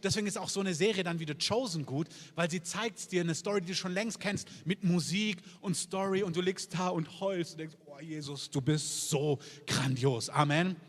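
A pastor preaches with fervor, pressing each point and punctuating it with amen. His voice sits fairly high for a man. The sound carries a long hall reverb. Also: fairly quick, hardly any pauses. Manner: fervent, emphatic preaching with repeated amens. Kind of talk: sermon.

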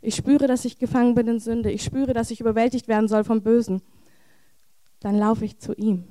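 Mellow-voiced woman preaching earnestly. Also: on the high side, fairly even intonation, a little fast, no echo. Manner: earnest, heartfelt, repetitive phrasing. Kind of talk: charismatic sermon.

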